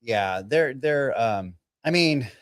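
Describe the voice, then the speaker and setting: A man interviewed as a guest, shy and halting, with many fillers and restarts. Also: medium pitch, animated, no echo, studio quality. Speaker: guest volunteer. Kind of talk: casual chat.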